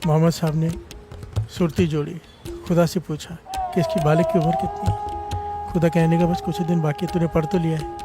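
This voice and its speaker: A man's voice: a little high, flat delivery, a little fast, pauses often, over loud music. A man preaching a devotional sermon, telling a story and calling out refrains for the congregation to answer. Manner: calls out refrains for congregation response.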